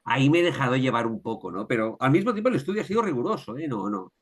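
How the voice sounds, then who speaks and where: A man's voice: medium pitch, expressive, fast talker. Catalan man, thoughtful interview talk. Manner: thoughtful, many restarts and tag questions. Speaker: author, guest.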